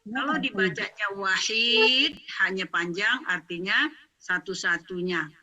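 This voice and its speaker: Bright, slow-spoken woman teaching children. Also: medium pitch, lively intonation, distant mic. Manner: slow, drawn-out, clear enunciation for pupils to repeat. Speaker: Arabic teacher.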